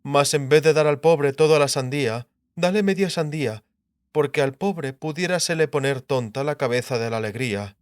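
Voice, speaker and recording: In a dramatised audiobook, a man voices a pious, bespectacled queen, a stern and sententious wife who solemnly quotes holy sayings to her husband. His voice is a little high and close to an everyday voice, at moderate pace, recorded in studio quality with no echo.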